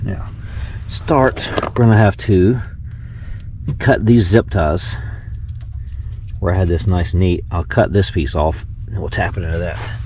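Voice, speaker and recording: This man's voice is deep and measured, with long pauses, as he vlogs a car radio installation from inside the vehicle. His how-to is casual and folksy, and he thinks aloud as he goes, with clear vehicle background noise in the recording.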